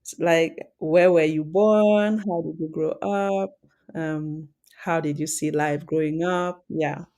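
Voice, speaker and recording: Flat-toned woman hosting a podcast. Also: deep voice. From Africa. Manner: measured, encouraging questions. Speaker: podcast host. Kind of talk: interview hosting.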